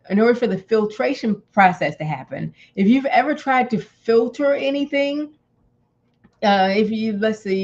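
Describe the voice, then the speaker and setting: A woman's voice: mid-range voice, a little mellow, highs cut off. A woman hosting a casual live health talk, chatty and rambling, often restarting her sentences and laughing easily. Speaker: health channel host.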